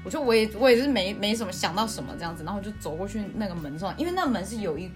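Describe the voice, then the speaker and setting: A woman, co-hosting a podcast. She tells childhood stories in a casual, animated way, laughs often and acts out what people said, with music behind her. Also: medium pitch, racing. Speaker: podcast co-host. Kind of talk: casual storytelling chat.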